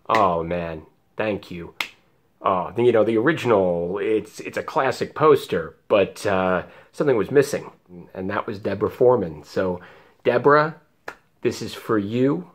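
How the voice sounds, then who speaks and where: A man's voice: sits low, a little hiss or hum. An American man, a filmmaker hosting and presenting to viewers in a scripted style. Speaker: host, filmmaker.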